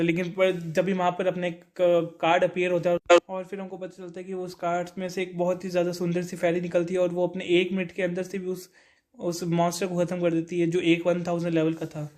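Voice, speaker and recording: A young man casually retelling an anime episode, rambling and quoting the characters' lines as he goes. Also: sits high. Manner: rambling, retells dialogue in quotes. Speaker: anime recap narrator. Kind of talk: casual spoken anime recap.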